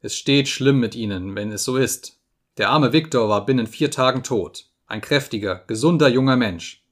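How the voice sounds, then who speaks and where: A man reading an audiobook, voicing a cruel, mocking visitor who taunts a sick man in a sharp tone. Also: medium pitch, normal speed, lightly acted. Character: sneering sinister male visitor, mocking and cruel.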